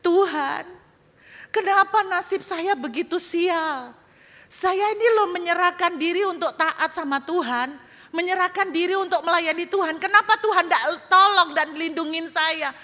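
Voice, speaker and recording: A woman's voice: extremely high pitch, measured pace, pushed and bright, pitched above the performer's own voice, heavily acted. A woman playing a weeping young missionary in a cage. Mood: despairing plea. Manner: tearful, pleading complaint. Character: despairing young male missionary praying in a cage. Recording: echoey church hall.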